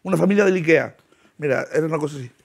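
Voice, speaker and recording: A man's voice: a little high, very fast, creaky. A young man tells a comic story, acting out voices and laughing as he goes. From Canary Islands. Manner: animated, acts out voices, laughs through lines. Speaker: comedian.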